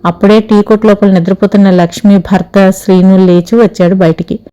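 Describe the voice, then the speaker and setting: A woman storyteller narrating an audio story in a calm, even reading voice. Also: mid-range voice, brisk.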